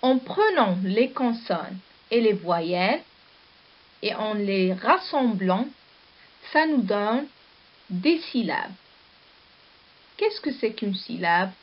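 A woman teacher giving a slow, deliberate lesson, spelling out letters and syllables one at a time. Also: mid-range voice, animated. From Morocco. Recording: dull lo-fi video recording.

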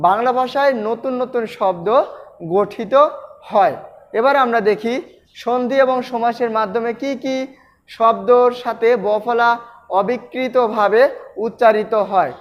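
A man teaching pronunciation, repeating each word several times and speaking directly to his students. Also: very high voice. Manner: addresses students directly with instructions. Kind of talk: pronunciation lesson. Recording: dull lo-fi recording.

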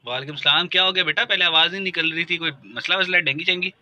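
Bright-voiced teasing male radio host. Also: on the high side, fast talker. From Pakistan. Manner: teasing, chatty banter with callers. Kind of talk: live call-in radio chat.

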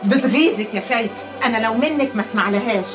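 Coaxing egyptian mother played by an actress, high voice, rattling pace, music under the drama. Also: fast, close to an everyday voice. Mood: fussing. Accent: Egyptian Arabic. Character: caring Egyptian working-class mother, coaxing and fussing. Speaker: mother in a poor neighborhood family. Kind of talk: TV drama acting.

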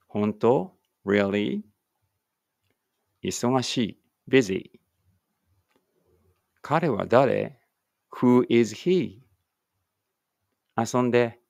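A man teaching English, slowly reading short Japanese phrases and then their English translations aloud as a drill, sometimes muttering quietly to himself. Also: medium pitch, lively intonation, vocal fry, dry recording. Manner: reads each Japanese phrase, then its English, with slow deliberate pauses.

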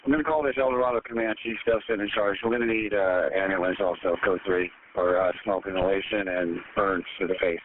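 Tinny radio, man, low voice, urgent firefighter radio traffic, clipped commander phrasing. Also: fairly even intonation, brisk, hardly any pauses. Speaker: fire chief, incident commander. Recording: tinny narrowband fire radio.

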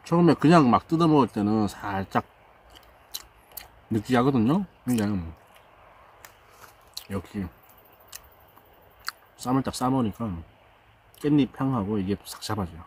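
A man's voice: medium pitch, unhurried, pauses often, slight background noise. A man hosting an outdoor eating show, talking casually while chewing and murmuring over his food. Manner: relaxed, savoring food, murmurs between bites. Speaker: mukbang host. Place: outdoors camping.

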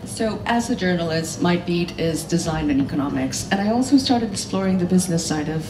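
A woman's voice: lowish voice, expressive, brisk. A woman journalist from the Dominican Republic speaking on a conference panel, pointed and assertive. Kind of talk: panel talk on stage. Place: large hall on stage. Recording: roomy hall, mic at a distance, noisy.

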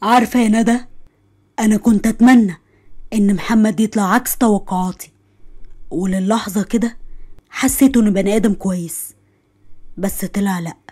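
A woman's voice: mid-range voice, fairly even intonation, moderate pace, long pauses, warm tone, husky, natural voice. Woman as a stern middle-aged father, Egyptian accent, firm, lecturing, storybook voice. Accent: Egyptian Arabic. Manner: lecturing, firm, told-you-so.

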